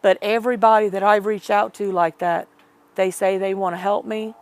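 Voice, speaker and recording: An interview guest, a middle-aged woman, speaks at a moderate pace in a medium-pitched, level tone. Her personal story comes out rambling and emotional, and she quotes what others said by acting it out.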